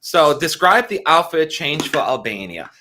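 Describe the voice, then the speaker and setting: A man's voice: on the high side, normal speed, slight background noise. A man co-hosting a live stream in casual chat, talking with many fillers. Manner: chatty, lively intonation, many fillers.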